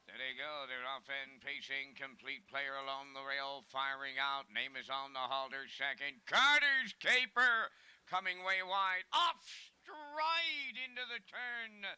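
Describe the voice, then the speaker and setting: A man's voice: medium pitch, expressive, unhurried, bright, forceful tone, clear, resonant tone. A man giving emphatic race caller commentary on a harness race.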